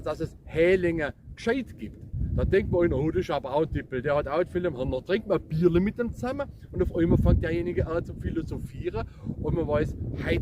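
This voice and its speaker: A man with a Swabian accent speaks in a fairly high voice. He explains dialect casually, in colloquial words aimed straight at the listener. Clear noise runs behind his voice. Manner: colloquial, dialect-laden, addresses listeners directly. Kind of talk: casual explanatory talk to viewers.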